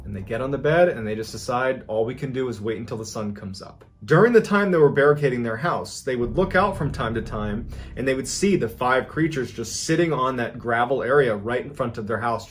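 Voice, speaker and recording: A man's voice: mid-range voice, expressive, brisk, few pauses. Man telling a suspenseful story. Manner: suspenseful, conversational. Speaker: podcast host and storyteller. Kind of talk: storytelling narration.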